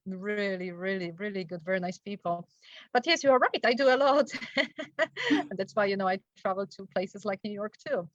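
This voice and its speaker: A middle-aged Polish woman with a Polish accent, a travel wellness coach appearing as a guest, tells her story in a casual interview, chatty and laughing often while checking in with "right?". Her medium-pitched voice moves at normal speed, and the lo-fi recording sounds dull and dry with no echo.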